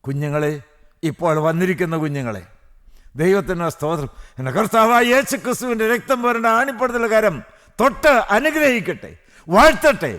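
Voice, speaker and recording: A man preaching a fervent sermon, swinging between hushed prayer and loud cries with repeated hallelujahs. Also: high voice, expressive, a little fast.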